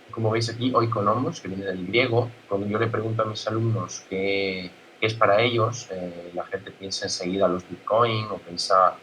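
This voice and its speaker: An Italian man, a native Italian speaker, giving a conference talk as a guest speaker, halting, with many fillers and restarts. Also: lowish voice, a bit bright, slight background noise, rough recording. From Italy.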